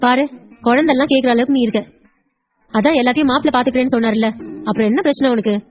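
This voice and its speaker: A woman voicing a caring older grandmother who gently scolds, in an audio story. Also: sits high, quick pace, soft background music, close to an everyday voice. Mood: fussing.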